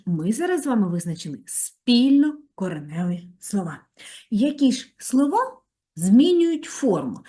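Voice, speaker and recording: A woman teacher giving a primary school grammar lesson, dictating slowly and spacing each word clearly. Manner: slow, clearly spaced dictation, lively sing-song pitch. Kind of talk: online grammar lesson for third graders.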